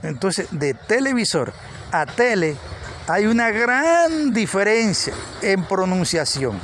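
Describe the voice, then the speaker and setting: A man's voice: high voice, sing-song, takes it slowly, a bit bright, a little hiss or hum. A man preaching an informal Bible teaching, repeating words for emphasis. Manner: repeats words for emphasis, rising with energy at points.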